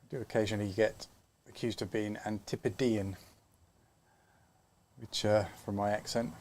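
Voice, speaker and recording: A man's voice: lowish voice, flat delivery, normal speed, a little mellow. A man chatting easily as co-commentator on a live club cricket stream from a pavilion room. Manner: easygoing, conversational.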